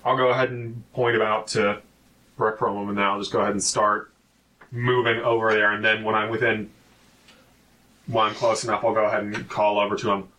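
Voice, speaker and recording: A man's voice: on the low side, flat delivery, fairly quick, sharp tone, distant mic, poor audio. A man chatting casually as a player in a tabletop game.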